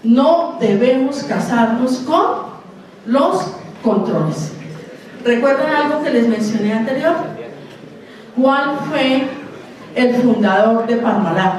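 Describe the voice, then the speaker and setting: A woman with a Colombian accent giving a university lecture, who keeps asking her audience questions and talks slowly and deliberately. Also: a little high, darkish tone. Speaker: conference lecturer. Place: university auditorium. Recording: echoey hall, voice from far off.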